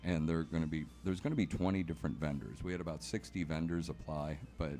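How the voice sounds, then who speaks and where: A man with a low, deep voice chatting loosely on his own radio show from a studio. He talks easily, trailing off and restarting lines as he goes. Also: fast talker. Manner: relaxed, restarts sentences often. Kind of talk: casual radio chat.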